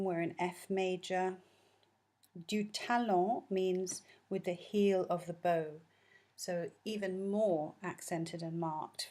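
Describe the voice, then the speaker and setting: Female music teacher, lowish voice, clear explanatory delivery, hums phrases to demonstrate. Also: a little mellow. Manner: explanatory, sings snippets of melody. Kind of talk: score analysis lesson.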